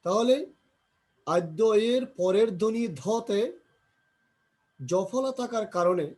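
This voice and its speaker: A man teaching a grammar lesson, slowly drilling pronunciation, repeating example words and asking and answering his own questions. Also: high voice, darkish tone.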